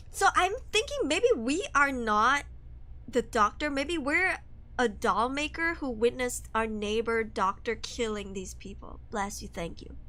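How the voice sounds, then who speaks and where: Bright high-voiced woman streamer. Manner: chatty, jumpy, swearing and laughing. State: sniffly with a cold. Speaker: VTuber streamer. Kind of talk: live horror game stream chat.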